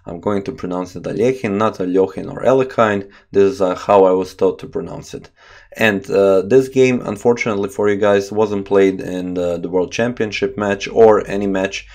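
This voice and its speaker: A man hosting a chess channel, casually talking through a game with many filler pauses. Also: sits low, steady tone, darkish tone. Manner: chatty, many uh fillers, admits struggling with names.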